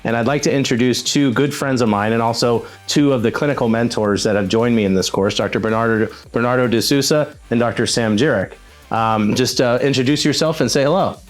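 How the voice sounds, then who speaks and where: A man's voice: medium pitch, brisk, soft background music. Man hosting a dental podcast. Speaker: podcast host and course leader. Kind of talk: podcast interview.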